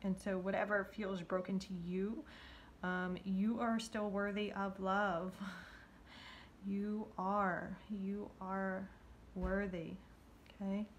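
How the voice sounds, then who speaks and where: A woman giving a gentle, intuitive tarot card reading to viewers, talking in a halting way with many fillers and restarts, sometimes dropping to a whisper. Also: mid-range voice, little pitch movement, lo-fi sound, a little hiss or hum.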